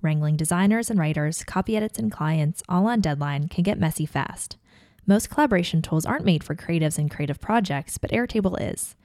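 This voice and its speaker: A woman hosts a podcast in a low voice, recorded dry on a close microphone. She asks brisk, prompting questions and backs the guest up with "mm-hmm". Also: lively intonation, a little mellow, no room sound. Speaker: podcast host. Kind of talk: podcast interview hosting and ad read.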